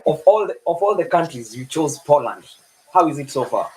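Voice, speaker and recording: A man's voice: a little high, animated, brisk, a little mellow, rough recording. Hesitant man hosting live. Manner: hesitant, many fillers and restarts. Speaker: host. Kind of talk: casual live interview.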